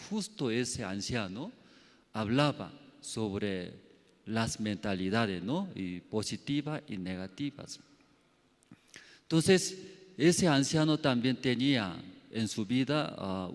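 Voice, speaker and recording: Male pastor preaching in a reverberant hall. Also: mid-range voice. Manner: animated storytelling with sound effects and acted quotes, halting non-native phrasing. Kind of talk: sermon. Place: church hall. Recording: long church hall reverb.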